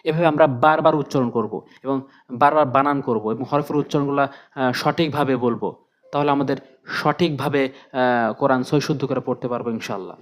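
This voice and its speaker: A man teaching Quran reading, slowly spelling out Arabic syllables and repeating each one as a drill. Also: medium pitch, steady tone.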